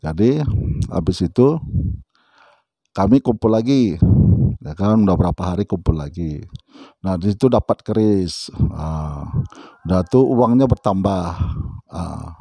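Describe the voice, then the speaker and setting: A man's voice: low-pitched, animated, a little slow, creaky, pauses often, dark tone, dry recording. A man casually telling a personal story, speaking conversationally and often turning to the listener with little asides. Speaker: storyteller recounting a personal experience.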